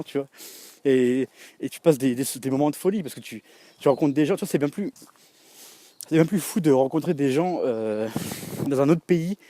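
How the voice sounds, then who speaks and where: A man's voice: mid-range voice, a little mellow, no room sound. Young French guy, casual vlogger, rambly, giggly, keeps talking to the viewer. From France. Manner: rambling, full of fillers and restarts, addresses the viewer directly; laughs often while talking. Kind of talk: casual chat to camera.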